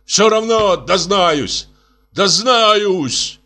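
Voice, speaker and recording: A man voicing an agitated young man who shouts himself hoarse and tearful, in a storybook reading. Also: fairly high pitch, sing-song, moderate pace, voice pushed up. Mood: shouting. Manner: loud, voice breaking, shouting.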